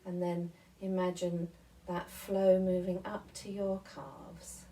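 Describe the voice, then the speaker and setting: Slow, low-voiced woman guiding relaxation. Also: level tone, recorded from a distance, poor audio. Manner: gentle, soothing, unhurried instruction with pauses. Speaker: guided relaxation and devotional movement leader.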